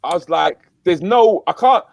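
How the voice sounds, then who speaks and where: A man's voice: high-pitched, lively intonation, moderate pace, creaky, no echo. A male interview host chatting casually and teasing his guest, with frequent ums.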